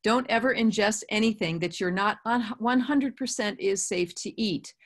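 A middle-aged woman presents a gardening webinar over a video call through a webcam, explaining in a friendly way with casual asides. Her voice is medium-pitched and her speed normal.

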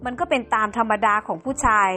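Brief: a cold, belittling middle-aged husband in a life simulation drama, as a woman voices him, lowered a little from a fairly high voice. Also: quick pace, bright, forceful tone, faint music behind. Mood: scornful.

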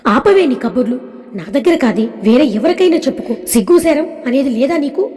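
A woman's voice: high-pitched, animated, fairly quick, warm tone. A woman voicing an arrogant, rich middle-aged mother who scolds and insults a young woman. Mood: scolding. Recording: long reverb.

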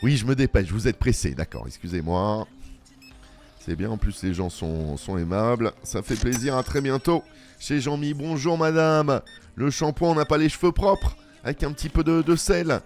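A man's voice: mid-range voice, animated, moderate pace, a little mellow, soft background music. Playful man role-playing a cashier. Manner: playful, talks back to unheard boss and customers. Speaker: let's play gamer. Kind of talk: improvised role-play commentary.

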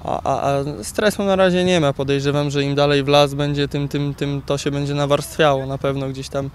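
A young footballer in his twenties answering interview questions outdoors beside a pitch, halting with many repeated words. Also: little pitch movement. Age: 20s. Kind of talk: post-training interview. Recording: faint outdoor noise.

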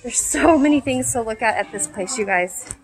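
A woman's voice: fairly high pitch, animated, moderate pace, faint music behind, low-quality recording. A middle-aged woman walking through a large furniture store with a handheld camera, gushing to her viewers about what she sees. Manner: gushing, enthusiastic, addresses viewers directly. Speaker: vlogger. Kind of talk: casual shopping vlog narration. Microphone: handheld camera or phone, walking.

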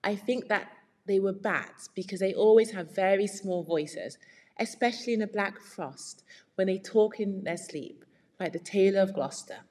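A woman's voice: medium pitch, normal speed, mellow, big-room sound. A woman teaching English, reading a children's story aloud and patiently explaining words along the way.

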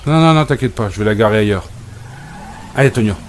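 A man's voice: on the low side, animated, fast talker, slight background noise. A man giving comic role-play commentary over gameplay, scolding and exasperated in a joking banter. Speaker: gameplay video creator.

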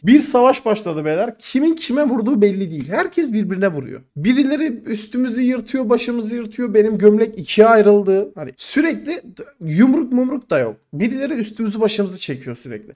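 Fast-talking young man telling a story. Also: high-pitched. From Turkey. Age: 20s. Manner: animated storytelling, swears, quoted back-and-forth. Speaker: podcast host. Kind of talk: storytelling monologue.

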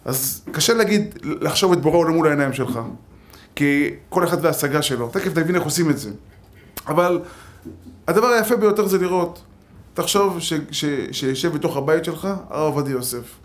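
A man's voice: on the high side, animated, a little hiss or hum. A man, a rabbi giving a Torah lesson, telling stories with acted-out quotes and jokes.

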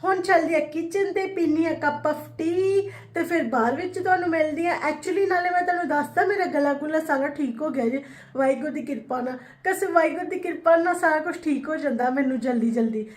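In a brisk, high voice, a Punjabi-accented vlogger chats with viewers about her daily routine. Her casual talk is sprinkled with English phrases.

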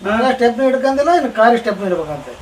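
A man plays an impatient village landlord in a rustic comedy skit. He speaks in a high, quick voice and snaps orders at his servant. Faint ambience sits behind him. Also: animated, distant mic, slight background noise. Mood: bossy. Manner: gruff, ordering servant around.

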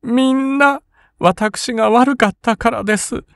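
Young samurai sister; high, tearful, pleading; storybook reading. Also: male voice, slow, vocal fry, a bit bright, no room sound, clean studio sound, full character voice. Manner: high, sobbing, begging.

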